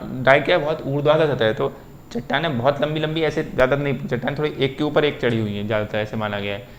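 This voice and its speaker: A man's voice: mid-range voice, a little hiss or hum. A male teacher giving a lesson, explaining step by step and often asking a question and then answering it himself. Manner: repetitive, asks and answers his own questions. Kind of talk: explaining at a whiteboard.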